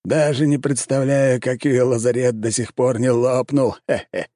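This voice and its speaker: A man voices a smug, sneering general who speaks mockingly, pitching his natural-sounding voice above his own. The mid-range, slightly mellow delivery moves at a moderate pace, recorded in studio quality with no echo.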